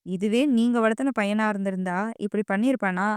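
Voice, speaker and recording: A woman voicing a furious middle-aged mother who hurls sharp, shouting accusations at her family in an audio drama reading. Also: mid-range voice, fairly quick, smooth, no echo, studio quality, lightly acted.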